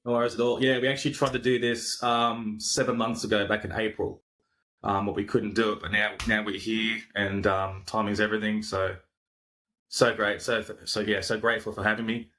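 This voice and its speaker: A man's voice: on the low side, a little fast. A man who works as a mindset coach, chatting casually and easygoing as a guest on a live podcast. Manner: relaxed, easygoing, with many fillers. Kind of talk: casual conversation.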